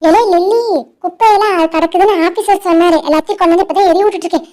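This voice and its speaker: Male cartoon bird helper, blunt, scolding, high voice, voiced by a woman. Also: fairly even intonation, racing, a little mellow. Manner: blunt, scolding, drawled "ele" calls.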